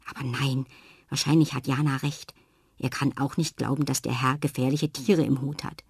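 A woman narrating a children's story in a calm, expressive reading voice. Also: very deep voice, moderate pace, gravelly, husky, no room sound, studio quality.

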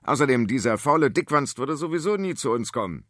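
A man voicing a coarse, mocking farmer who talks loud and fast. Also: mid-range voice, expressive, no room sound, clean studio sound, close to an everyday voice. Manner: rough, mocking. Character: coarse laughing male farmer.

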